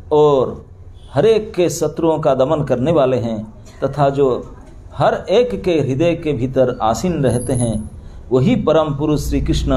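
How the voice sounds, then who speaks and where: A man giving a storytelling sermon in a temple hall, acting out the characters as he explains scripture to a seated audience. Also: mid-range voice. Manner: animated, acts out the characters' crying and pleading with laughter. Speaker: preacher.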